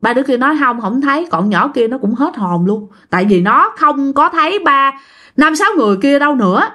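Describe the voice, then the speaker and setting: A woman's voice: sits high, lively intonation, fairly quick, a bit bright. Chatty woman storyteller. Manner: chatty, addresses listeners directly. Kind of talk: casual ghost story narration.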